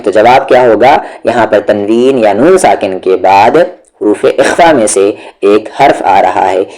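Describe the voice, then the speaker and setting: A man with a medium-pitched, slightly mellow voice teaches Quran recitation in a slow, step-by-step tajweed lesson. He patiently sounds out syllables one at a time, drawing each one out.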